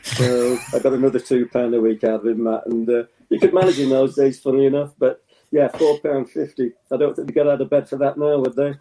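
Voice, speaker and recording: An older man from England, a former footballer being interviewed, reminiscing in a halting way with many restarts and chuckles. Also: mid-range voice, flat delivery, mellow, slight background noise, rough recording.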